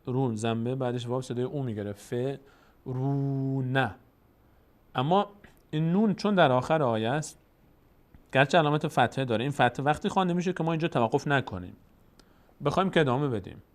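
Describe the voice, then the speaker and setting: Male Quran reading teacher, mid-pitched, patient, demonstrates by stretching syllables. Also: expressive. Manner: patient and explanatory, stretching out sounds slowly to demonstrate. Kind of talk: step-by-step recitation lesson.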